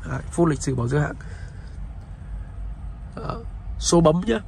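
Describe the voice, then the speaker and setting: A man's voice: a little high, animated, normal speed, creaky, a little mellow, slight background noise. A man narrating a used car sales walkaround, in a dealer's patter that keeps politely addressing the viewers. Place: outdoors beside and inside a car on a roadside.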